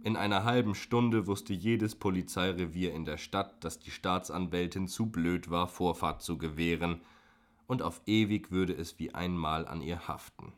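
Deep-voiced man, wry, measured audiobook narration. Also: steady tone. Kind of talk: audiobook reading.

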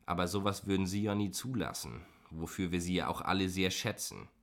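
A man's voice: low-pitched, fairly even intonation, fairly quick, a bit bright. A man reading an audiobook, voicing a loyal, grinning male police officer who teases in a friendly way. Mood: earnest. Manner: teasing, friendly.

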